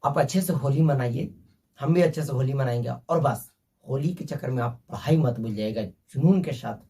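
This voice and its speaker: A man's voice: medium pitch, moderate pace, dark tone, distant mic. A man teaching a basic math lesson, working through sums step by step and calling his viewers "my friend".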